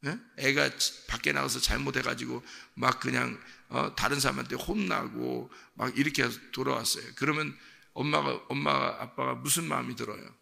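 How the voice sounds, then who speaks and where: Male pastor, gravelly voice, conversational sermon full of rhetorical questions, long reverb of a church hall. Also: medium pitch, steady tone, normal speed, sharp tone. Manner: peppers talk with rhetorical questions to the congregation; acts out quoted parents' scolding lines. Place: church sanctuary.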